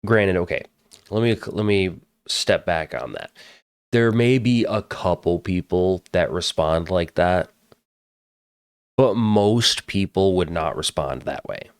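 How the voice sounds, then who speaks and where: Low-voiced man, casual reaction chat. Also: animated, slow, smooth, no echo, studio quality. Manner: blunt, chatty, swears casually. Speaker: podcast host reacting to a trailer. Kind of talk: casual trailer reaction commentary.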